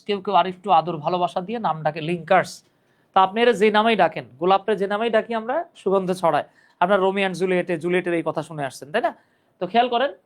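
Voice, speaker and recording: Chatty joking male English teacher. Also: high-pitched. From Bangladesh. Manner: joking, chatty, addresses students directly. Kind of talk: live-streamed grammar lesson. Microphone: phone.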